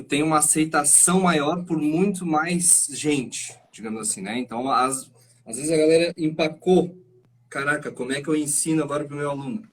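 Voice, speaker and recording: A man who acts and teaches singing, explaining his ideas in an animated, thinking-aloud way as a guest on a live stream over a video call. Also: fairly high pitch, a little hiss or hum. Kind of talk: casual chat.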